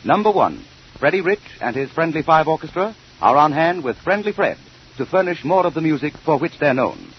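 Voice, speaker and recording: On a muffled, noisy radio recording from the early 1930s, an American man reads a sponsor's script for a radio program in a formal, emphatic salesman's style. His voice is husky and fairly high, moving quickly with big swings in pitch.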